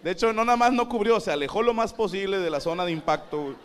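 A man with a northern Mexican accent performs a stand-up routine, crude and self-mocking, and acts out the voices he quotes. His voice sits high for a man and swings up and down expressively. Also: lively intonation, quick pace, a little hiss or hum. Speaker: stand-up comedian. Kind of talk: stand-up comedy monologue.

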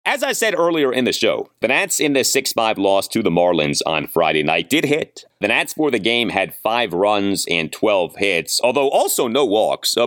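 A man's voice: fairly low pitch, fairly bright tone, dry recording, studio quality. A man hosting a sports podcast, reading recaps and sponsor spots in an emphatic, formulaic delivery. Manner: emphatic, repeats stats in a formulaic way. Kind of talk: scripted podcast narration and recap.

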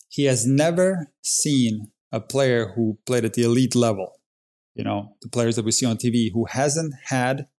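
A man's voice: mid-range voice, darkish tone. A man in his forties from Croatia, a tennis coach telling his story in a podcast interview in an earnest, plain-spoken way. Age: 40s.

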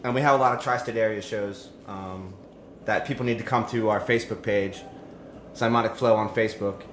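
A man with a lower voice talks quickly and eagerly about his band. The room is echoey, and a faint hum sits behind him. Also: fairly even intonation, fairly bright tone. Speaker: band member. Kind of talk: casual interview.

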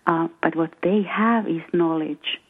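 Finnish-accented woman, middle-aged, lowish voice, hesitant interview guest, phone-line sound. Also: a little slow. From Finland. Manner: hesitant, many fillers and restarts. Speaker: guest financial coach. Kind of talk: casual interview talk.

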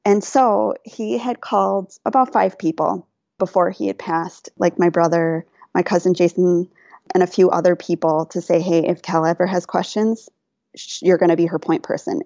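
A woman guest on a podcast telling a personal story in casual chat, animated, laughing often and quoting herself and others. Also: lowish voice, normal speed, vocal fry, no room sound, lo-fi sound.

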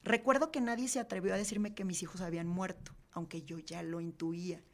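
A woman, a guest in an interview, telling a personal story in an earnest, halting way with many fillers and often dropping to a quiet, subdued voice. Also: fairly low pitch, fairly even intonation. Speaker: podcast guest.

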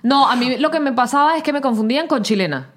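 A woman's voice: high-pitched, expressive, fast talker. A woman with a Venezuelan accent, co-hosting a podcast, blunt and joking in casual chat. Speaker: podcast co-host.

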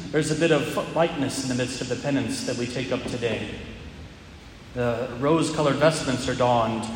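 Man, priest, measured reflective homily, long ringing cathedral echo, faint hiss. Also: medium pitch. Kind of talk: Gospel reading and homily at Mass. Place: large church.

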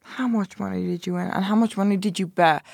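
A woman streamer guesting on a podcast, chatting casually with teasing, quick banter. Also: medium pitch, steady tone, creaky, darkish tone, dry recording, clean studio sound.

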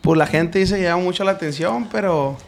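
A man's voice: high voice, brisk, creaky. A man in his early twenties with a northern Mexican, Sinaloan accent, rambling and joking in heavy street slang as a guest in a casual chat. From Culiacán, Mexico. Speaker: comedy content creator guest.

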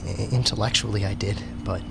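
A man's voice: on the low side, fairly even intonation, fairly quick, gravelly, noisy background. A man playing an anxious, hesitant intellectual with a nervous stammer in an audio drama.

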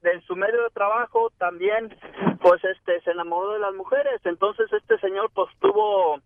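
Guy phoning in, tinny phone line, higher voice, lots of ums. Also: fairly even intonation, moderate pace, dry recording. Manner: hesitant, full of fillers. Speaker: caller. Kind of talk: telling a story over the phone.

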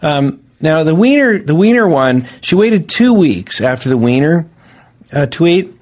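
A man co-hosting a casual chat, reading out posts and cracking dry jokes. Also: mid-range voice. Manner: dry wisecracks and short replies. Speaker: podcast co-host.

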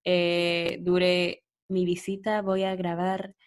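A woman's voice: lowish voice, monotone, takes it slowly. A woman hosting a podcast, chatting casually and gushing over her listeners. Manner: effusive, gushing. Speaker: podcast host.

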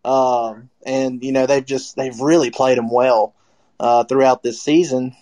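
A man's voice: mid-range voice, level tone, unhurried, mellow. A man hosting a casual sports talk show, rambling with lots of fillers and restarts as he calls on his co-hosts. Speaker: podcast host.

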